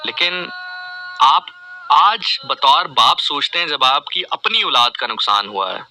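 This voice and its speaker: A man's voice: on the high side, huge pitch swings, measured pace, gravelly, bright, forceful tone, low-quality recording. A man, a radio host giving an earnest, reflective monologue full of pleading rhetorical questions. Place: radio studio.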